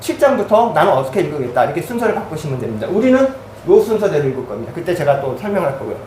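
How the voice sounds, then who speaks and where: A man's voice: a little high, sing-song, fast talker, dark tone, echoey room, recorded from a distance, slight background noise, rough recording. A man preaching as a pastor, giving a teaching sermon. He goes through a chart step by step.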